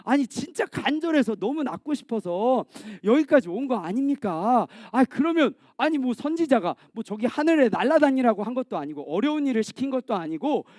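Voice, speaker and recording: A man's voice: extremely high pitch, sing-song, brisk, hardly any pauses, darkish tone, no room sound, studio quality. A man voicing soldiers who coax and plead with their general, in a children's sermon story. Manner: coaxing, pleading.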